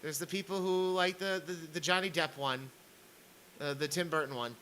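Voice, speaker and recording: A man's voice: on the high side, fairly even intonation, normal speed, pushed and bright, rough recording. A man streaming a ranting commentary, reading posts aloud in a sarcastic, mocking way.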